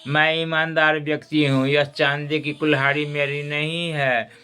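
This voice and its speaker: A man's voice: fairly high pitch, little pitch movement, measured pace, sharp tone, clear, resonant tone. A man voicing a poor, honest woodcutter in a folk tale, speaking humbly and pleadingly.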